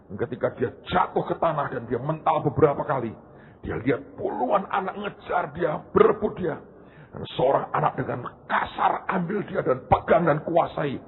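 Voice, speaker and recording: A male pastor who preaches by telling an animated story and keeps addressing his listeners directly. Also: fairly high pitch, normal speed. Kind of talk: storytelling sermon. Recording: tinny phone-like sound.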